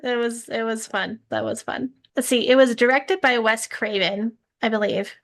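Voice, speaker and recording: A woman's voice: on the high side, fairly even intonation, moderate pace, creaky. A woman hosting a casual movie review chat, talkative, laughing often and asking questions. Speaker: host.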